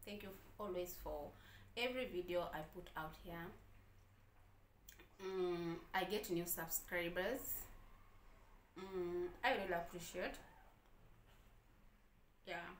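A woman's voice: fairly low pitch, reverberant, a little hiss or hum. A woman chatting casually to her viewers while she eats, sometimes talking with food in her mouth. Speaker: vlogger. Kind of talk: casual chat while eating. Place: home room.

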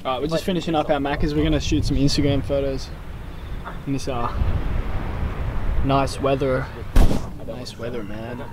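A man's voice: mid-range voice, flat delivery, moderate pace, pauses often, noisy background. A young man with an Australian accent filming a casual vlog to a handheld camera outdoors, trading laid-back slangy banter and laughing often. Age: young adult. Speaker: vlogger. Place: outdoors in a suburb and by the sea.

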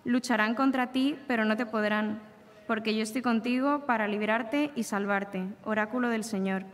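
A woman with a fairly high voice reads scripture at Mass in a slow, solemn cadence. Her words ring out through the long echo of a large shrine chapel, each phrase trailing off into the vaulted space. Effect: long cathedral-like reverb. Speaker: lector reading at Mass. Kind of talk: liturgical reading of scripture and psalm. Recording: echoey shrine chapel reverb.

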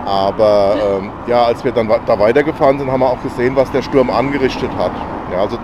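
An older man tells a travel story in easy, rambling chat, pausing on little fillers. He is outdoors on a bridge, filmed at arm's length. Traffic and street noise come through clearly. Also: mid-range voice, muffled recording. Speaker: travel vlogger. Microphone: selfie camera at arm's length.

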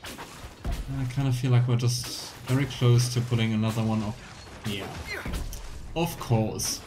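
A young man plays a video game in a small room at home, giving casual, playful live commentary while chatting to both the game and his viewers. His voice sits in the mid range, with a steady tone and a measured pace, and game music plays behind him.

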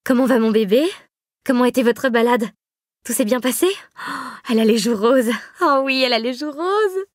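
A woman's voice: expressive, normal speed, dry recording, clean studio sound. A woman voicing a euphoric young mother who coos and gushes over her baby in a read story. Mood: gushing. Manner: breathless and cooing, high and bubbly. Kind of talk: audiobook character voice.

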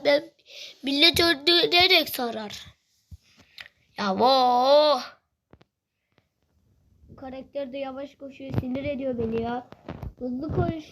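A woman giving casual commentary while playing a game, impatient and grumbling, repeating herself and shouting excitedly when a fight starts. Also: high-pitched, slight background noise. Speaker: gamer.

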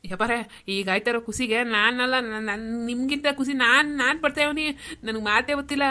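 A woman's voice: a little high, steady tone, normal speed, pushed and bright. A woman voicing a kindly, humble male village healer in a cartoon, earnest and respectful. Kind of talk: cartoon voice acting.

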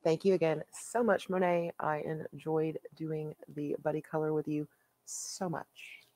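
A woman hosting her own coloring channel, chatting casually and haltingly with plenty of fillers as she shows her finished pages. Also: deep voice, steady tone, mellow. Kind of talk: casual show-and-tell.

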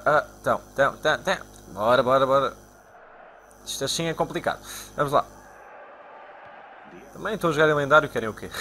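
A young man from Portugal with a European Portuguese accent, commentating his own football video game live and shouting at his players. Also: a little hiss or hum. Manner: excitable, shouts at players and spikes into high-pitched cries. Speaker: gaming YouTuber.

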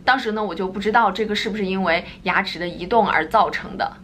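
A young woman speaking with braces on, calmly explaining her own experience in a casual personal vlog. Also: mid-range voice, fast, a little hiss or hum. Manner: calm, explanatory, frequent filler particles. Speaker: vlogger. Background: music in the background.

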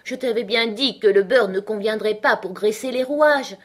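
A woman voicing the mad male Hatter in a storybook reading, speaking high, loud and scornful. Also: very animated, moderate pace. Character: mad male Hatter, rude, fussy and contrary.

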